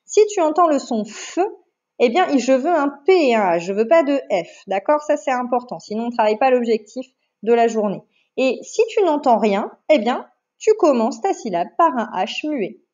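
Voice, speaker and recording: A woman teaching a class online, explaining things patiently and dictating words and syllables slowly with clear articulation. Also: on the high side, expressive, darkish tone. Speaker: primary school teacher. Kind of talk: online lesson narration. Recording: dull lo-fi sound.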